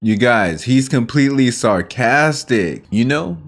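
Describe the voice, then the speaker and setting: Brief: easygoing man reacting to clips, unhurried and expressive, easily amused. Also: medium pitch. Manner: laid-back, amused, chuckling often. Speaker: reaction video host. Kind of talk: casual reaction commentary.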